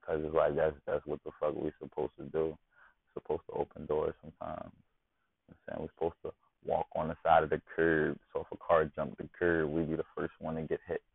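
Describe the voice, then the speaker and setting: Male podcast host, low and gravelly, streetwise casual talk, dry phone-quality audio. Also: completely flat delivery, brisk, no room sound. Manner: slangy, constantly asks "you know what I'm saying". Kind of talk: casual monologue. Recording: tinny phone-like dry sound.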